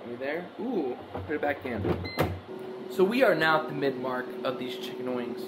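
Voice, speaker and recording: A young man of medium pitch, expressive and moderately paced, hosts a playful cooking tutorial in his home kitchen, chatting offhand to the camera while he works. The audio, from a wide-angle camera mic on the counter, is very noisy.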